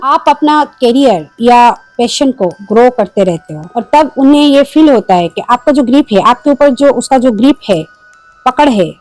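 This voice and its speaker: A woman with a fairly high voice speaks directly and steadily, giving advice. She slips English phrases into her talk and acts out short sample replies. The recording is dry and close, with soft music under it. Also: dry recording, rough recording. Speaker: self-help video host.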